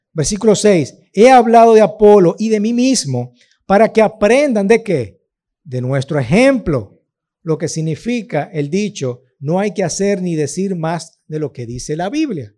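A man's voice: on the high side, dark tone. A man, preaching a sermon in an earnest, emphatic way and often checking in with his listeners. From Dominican Republic.

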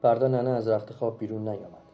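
A man reading a short story aloud as an audiobook narrator, calm and measured. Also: on the low side, highs cut off. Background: faint music.

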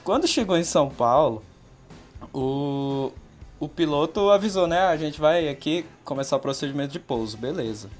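A podcast co-host telling a funny story in an animated, casual way. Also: medium pitch, normal speed, soft background music.

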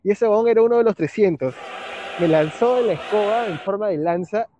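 A Peruvian man with a high-pitched voice chats in a relaxed, slang-heavy way. He laughs at his own stories. The sound is muffled and lo-fi, with faint noise behind it. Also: fairly quick. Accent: Peruvian Spanish. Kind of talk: casual chat. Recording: muffled lo-fi with faint background hiss.

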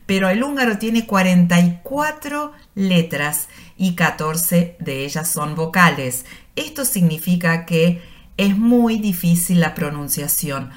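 Woman radio presenter, slow and patient, slightly low voice, teaching with examples. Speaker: radio show presenter explaining language trivia. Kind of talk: relaxed educational talk.

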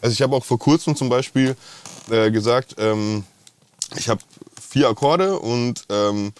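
A man's voice: medium pitch, unhurried, a little mellow, slight background noise. A man with a rolled R, talking casually and enthusiastically as a musician being interviewed. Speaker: musician, singer-songwriter guest.

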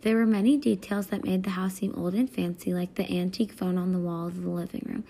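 A woman narrating a first-person scary story in a hushed way, often sinking into a whisper. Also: fairly low pitch, steady tone, a little fast, creaky.

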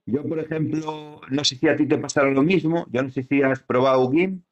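A man's voice: a little high, steady tone, normal speed. A man co-hosting a podcast in casual chat, rambling with lots of fillers and restarts. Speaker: podcast co-host. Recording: dull lo-fi podcast audio.

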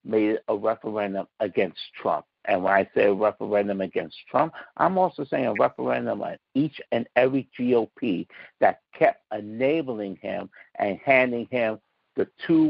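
A man's voice: lowish voice, normal speed, vocal fry, no room sound, muffled recording. A man giving impassioned, folksy political commentary as a podcast guest, emphatic and fired up.

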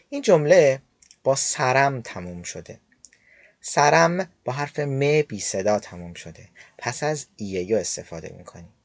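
A man teaching a language lesson, addressing his listeners directly in a friendly way and slowly repeating words to show how they are pronounced. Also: medium pitch, dry recording.

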